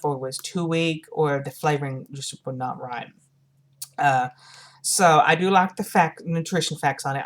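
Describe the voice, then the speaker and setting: A low-pitched woman chats to her viewers about a product in a casual review. She speaks in fits and starts, often repeating and reworking her phrasing.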